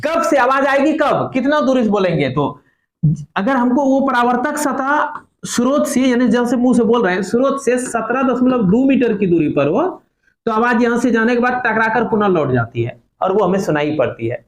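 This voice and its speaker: A man's voice: very high-pitched, animated, normal speed, roomy sound. A man teaching a physics lesson to a class, asking questions and joking with students.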